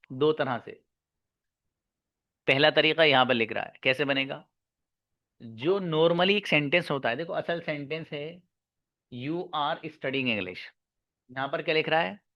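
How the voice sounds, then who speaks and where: A man teaching an online English grammar lesson. He asks his students questions and answers them himself, repeats key words, and draws out English example sentences slowly. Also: on the high side, sharp tone, no echo, clean studio sound.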